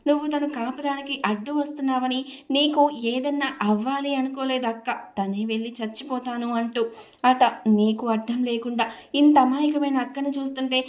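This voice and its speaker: A woman narrator plays a firm, protective younger sister in a told story. She speaks earnestly and scolds sharply, her voice slightly high and held flat. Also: normal speed, natural voice.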